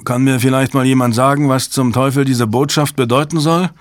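A man voicing a brash, loud male computer security chief who talks in a sarcastic, booming, scornful way. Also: moderate pace, no room sound, clean studio sound, lightly acted.

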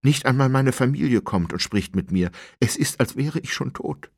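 A man voicing a desperate condemned man who pleads in a high, wailing voice. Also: animated, moderate pace, vocal fry, husky, no echo, clean studio sound. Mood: despairing.

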